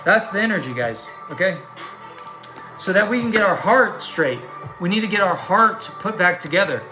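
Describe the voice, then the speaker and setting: A man's voice: high voice, lively intonation, normal speed, music in the background, low-quality recording. A man giving an improvised spiritual tarot reading to his audience, preachy and emphatic, often tagging phrases with little check-ins. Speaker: online tarot card reader.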